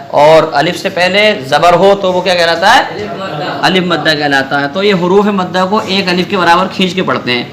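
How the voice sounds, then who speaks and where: A man with a high, bright voice leads a class in Quran recitation. He fires questions at the students and repeats their answers. When he demonstrates a word, he draws the syllables out slowly. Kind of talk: classroom lesson with call-and-response.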